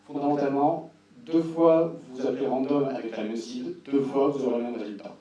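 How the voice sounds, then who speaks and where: A man with a medium-pitched, mellow voice gives an informal technical talk at a conference, brisk and fairly even, casual and wry with dry-humoured asides. The lo-fi recording has a roomy echo, a distant mic and faint hum.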